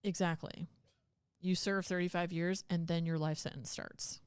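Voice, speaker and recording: A woman's voice: fairly low pitch, steady tone, normal speed, a little mellow, smooth, dry recording, clean studio sound. A woman co-hosting a podcast, chatting casually and retelling a legal case in plain words. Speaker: podcast co-host. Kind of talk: casual chat.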